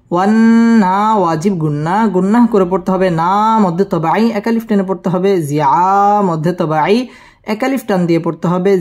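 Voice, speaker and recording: A woman teaching Quran recitation, spelling out each word syllable by syllable and then slowly chanting the verse. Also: on the low side, dark tone. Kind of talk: slow spelling-out tajweed lesson.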